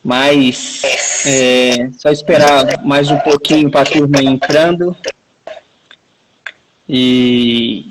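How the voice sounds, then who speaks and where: Speaking very slowly with long pauses, a man in his 40s hosts a casual live-stream video chat from home beside his wifi router, his Minas Gerais Portuguese accent clear in a steady, medium-pitched voice. He's chatty and jokey, restarting a lot; the low-quality recording has slight background noise.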